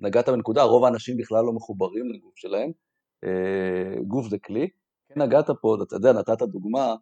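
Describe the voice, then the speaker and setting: Man, husky dark voice, halting reflective explanation, dry dull recording. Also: on the low side, dry recording. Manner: halting, many fillers and restarts. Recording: dry, dull-sounding mic.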